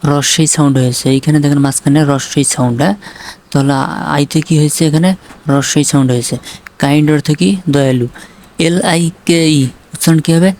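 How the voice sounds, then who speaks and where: A man's voice: fairly high pitch, steady tone, darkish tone, a little hiss or hum. A man teaching English spelling and pronunciation, spelling words out letter by letter, then asking what each means and answering himself. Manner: asks questions then answers them himself; slow, deliberate spelling of words.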